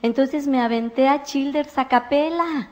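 A woman's voice: high voice, a little slow. A woman giving a motivational talk at a business convention, telling stories and acting out the dialogue. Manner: animated storyteller acting out dialogue. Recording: muffled lo-fi recording.

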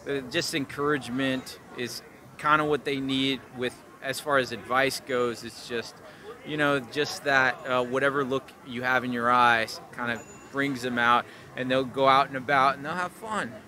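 A middle-aged man with a strikingly bright voice at an average pitch, talking in a friendly, rambling way. He answers outdoors on a city street into a handheld microphone. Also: fairly even intonation, normal speed. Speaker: passerby. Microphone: handheld mic.

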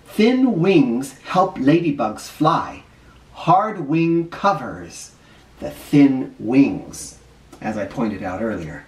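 A middle-aged man who teaches first grade reads a picture book aloud to young children, explaining things simply and leaning on key words. His mid-range voice is sing-song and very slow. A camera a short distance away picks him up, so the sound is roomy and distant.

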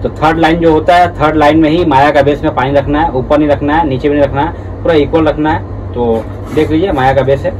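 A man's voice: a little high, fairly even intonation, a little fast. A man hosting a casual hookah how-to, talking in a repetitive, chatty way and addressing viewers as brothers. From India. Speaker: hookah tutorial host. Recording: distant, dull audio with background noise.

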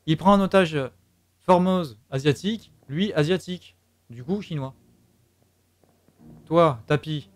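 A man's voice: a little high, measured pace, pauses often, no room sound. A man with a French accent streaming a game, thinking aloud and muttering to himself and his chat as he works through a puzzle. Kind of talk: live let's play commentary.

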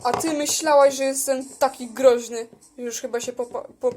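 A woman's voice: high voice, steady tone, normal speed, darkish tone, faint music behind, lightly acted. A woman voicing a scheming, threatening male pet toy in a homemade toy figure role-play. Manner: menacing, boastful.

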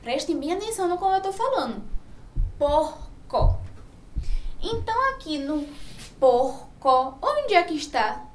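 A woman's voice: extremely high pitch, big pitch swings, reverberant, recorded from a distance, a little hiss or hum. A woman with a Brazilian Portuguese accent teaching a first-grade literacy lesson, drawing words out and asking the children questions. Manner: slow, sing-song, drawn-out words, asks children questions. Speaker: primary school teacher.

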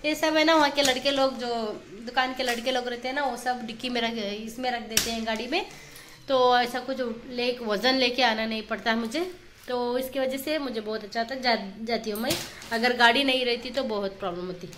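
A mother in her thirties films a casual home vlog in a small kitchen, holding her phone at arm's length and chatting in a homely, rambling way. Her voice sits on the high side with a steady tone and a brisk pace, and there's background noise.

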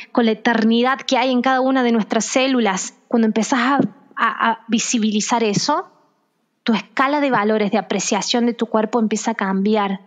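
A woman with an Argentine Spanish accent speaks in a fairly high voice, earnest and reflective, and often circles back over her own words. The audio is a little dull and muffled, as if it came over a remote call. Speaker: guest, kinesiologist and trainer. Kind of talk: casual podcast conversation.

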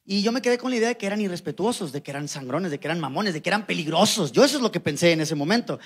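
Mexican guy doing stand-up, kinda high voice, slangy, acts out the other people. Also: racing, slightly rough. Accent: Mexican Spanish. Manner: slangy, animated, mimics voices in quoted lines. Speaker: stand-up comedian. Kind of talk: stand-up storytelling. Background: audience laughter.

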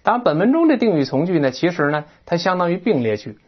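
A man teaching English in a recorded lesson, his husky voice swinging widely up and down in pitch. He explains each word with lively asides and keeps asking his listeners questions. The recording sounds dull and lo-fi. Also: quick pace. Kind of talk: recorded vocabulary and text lesson.

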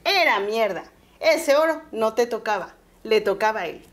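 A woman's voice: fairly high pitch, expressive, normal speed, natural voice. A woman voicing a blunt village mother who speaks firmly and matter-of-factly.

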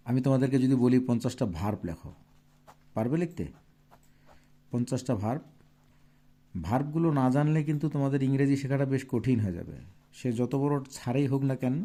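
A man's voice: medium pitch, mellow. Male tutor spelling words letter by letter. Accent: Bangladeshi Bengali. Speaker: teacher. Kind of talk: classroom lesson.

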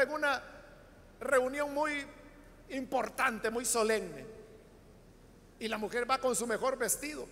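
A man's voice: very high voice, bright, forceful tone, long reverb tail. A man with a Salvadoran accent, preaching a Bible study sermon and explaining the text to his congregation with frequent rhetorical questions. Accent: Salvadoran Spanish. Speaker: pastor.

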